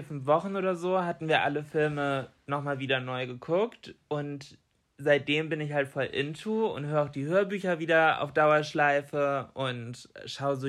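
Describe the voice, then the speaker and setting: A man chatting casually as a podcast co-host in an informal, colloquial way. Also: fairly high pitch. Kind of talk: casual chat.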